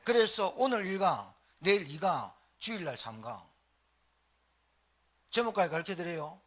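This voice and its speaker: Preaching live in a church sanctuary, a man speaks in a high, sing-song voice with a fairly bright tone and an unhurried pace. He exhorts the congregation using short, repeated phrases and calls for response.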